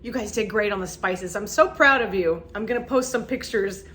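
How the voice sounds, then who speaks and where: Congested from a cold, a middle-aged woman films a laid-back cleaning vlog in her kitchen, chatting, rambling and making self-deprecating jokes. She talks at a normal speed with a medium-pitched, slightly bright voice.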